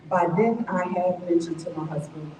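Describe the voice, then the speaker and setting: A woman speaks slowly and reflectively, sharing her own survival story at a community forum. Her voice is low and mellow. It sounds a little distant, in an echoey room with a faint rumble behind it. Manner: slow, reflective storytelling with self-corrections. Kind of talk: personal testimony at a forum.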